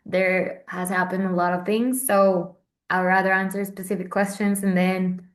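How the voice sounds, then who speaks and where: In casual, informal talk, a Vatican correspondent from Central America, a chatty woman in her 20s, keeps restarting and using fillers. Her voice is medium-pitched with a flat delivery and moderate pace.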